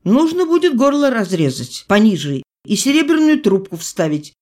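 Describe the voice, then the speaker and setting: A woman's voice: a little high, big pitch swings, moderate pace, darkish tone, pitched above the performer's own voice. A woman voicing a tense young male country doctor who urges and commands. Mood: urgent. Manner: urgent, insistent pleading.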